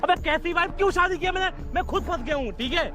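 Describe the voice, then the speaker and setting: A man's voice: very high-pitched, fast, music in the background. A young man playing an exasperated husband who pleads and blusters at his wife in a park. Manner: pleading yet blustering, says "abe" and "yaar" often. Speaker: husband in a staged couple-fight skit. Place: outdoors in a park.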